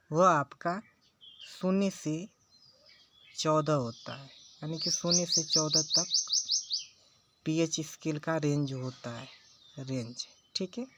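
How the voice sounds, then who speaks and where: A man's voice: a little high, fairly bright tone, a little hiss or hum. A man teaching a lesson, who repeats key phrases and keeps checking in with his listeners. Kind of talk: slow classroom lecture.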